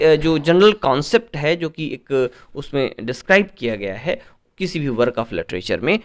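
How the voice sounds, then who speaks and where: Higher-pitched man tutoring an English exam paper. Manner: reads questions slowly, then explains in Hindi with frequent checks; corrects himself often. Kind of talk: exam paper solution lesson.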